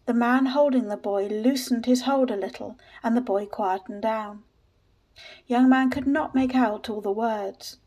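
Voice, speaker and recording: Woman reading a story, somewhat high voice. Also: warm tone. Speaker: narrator.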